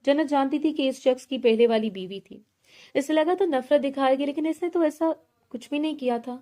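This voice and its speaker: A woman's voice: sits high, fairly quick, dark tone. A woman reading a romance novel aloud, voicing all characters' lines in her own voice with light acting. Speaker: novel narrator.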